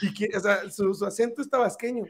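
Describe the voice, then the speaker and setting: A man's voice: high voice, steady tone, fast. A man with a Mexican accent hosting a casual podcast chat, joking and teasing in slangy speech. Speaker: podcast host.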